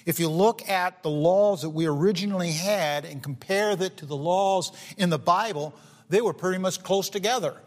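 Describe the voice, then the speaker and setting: A man's voice: high-pitched, moderate pace. A man preaching a sermon to a congregation, earnest, with frequent fillers and restarts, often asking his listeners questions. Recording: long hall reverb.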